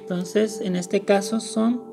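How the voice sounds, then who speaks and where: A woman's voice: mid-range voice, steady tone, takes it slowly, creaky, over music. A woman explaining a lesson step by step, going over each point carefully and repeating the key words. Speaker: teacher. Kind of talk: screen-recorded lesson.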